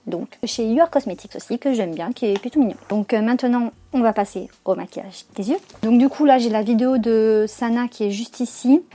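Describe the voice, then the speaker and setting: Talking her way through a makeup tutorial, a young woman vlogger uses slang, lots of fillers, and frequent self-corrections. She speaks at a medium pitch with a dark tone.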